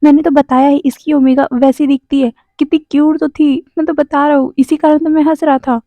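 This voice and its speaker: A woman's voice: high voice, little pitch movement, a little fast, no room sound, close to an everyday voice. A woman voicing a playful, teasing young man in a storybook retelling, drawing out her words. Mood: pleading. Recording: dry, dull lo-fi sound.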